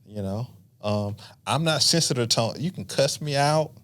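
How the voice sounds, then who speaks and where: A middle-aged man, a marriage counselor on a podcast, explaining in a relaxed, talkative way and acting out couples' lines. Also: medium pitch, normal speed. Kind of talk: casual podcast conversation.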